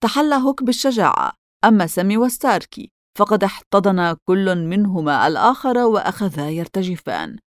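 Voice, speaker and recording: A woman narrating a children's storybook in a steady, expressive way. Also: medium pitch, brisk, no echo, clean studio sound. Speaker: audiobook narrator.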